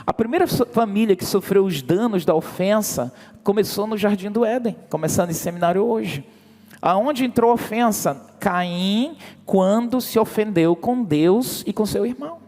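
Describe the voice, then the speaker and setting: High-voiced preacher in a reverberant church. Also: male voice, normal speed, a little mellow. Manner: emphatic, calls on the congregation to respond. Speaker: pastor. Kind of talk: sermon.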